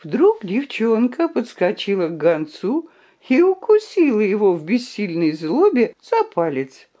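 A woman's voice: medium pitch, huge pitch swings, measured pace, dark tone. A woman reading a children's story aloud with dramatic expression.

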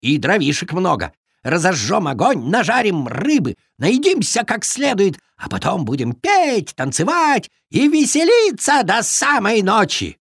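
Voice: medium pitch, huge pitch swings, unhurried, hardly any pauses, fairly bright tone, husky, no room sound, clean studio sound, pitched above the performer's own voice, exaggerated voice. A storyteller voicing an eager little beaver who speaks proudly and enthusiastically.

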